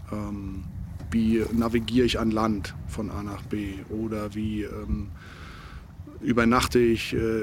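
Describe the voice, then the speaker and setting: A man speaking as a military instructor in a casual podcast interview, with halting, thoughtful phrasing. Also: fairly low pitch, slight background noise.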